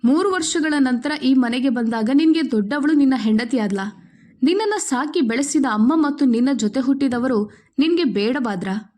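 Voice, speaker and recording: A woman's voice: high-pitched, moderate pace, a little mellow. Woman voicing a harsh domineering mother-in-law. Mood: aggrieved. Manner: harsh, scolding. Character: domineering middle-aged mother-in-law, cold and scheming.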